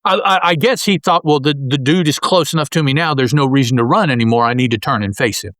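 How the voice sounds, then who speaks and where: This co-host talks fast in a mid-range, slightly bright voice, loosely describing comic panels and restarting again and again in a casual comic-book discussion. The podcast audio is dry and studio quality.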